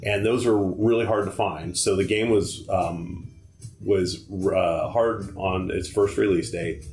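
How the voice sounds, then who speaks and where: Rambling man, fairly low voice. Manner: rambling, self-correcting. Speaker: let's play co-host. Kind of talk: casual gaming chat.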